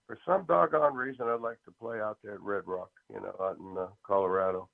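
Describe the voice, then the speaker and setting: A man's voice: fairly low pitch, fairly even intonation, a little fast, gravelly. A man from a band, a guest talking in a folksy, rambling way full of fillers, heard over a tinny phone line. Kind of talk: casual interview chat.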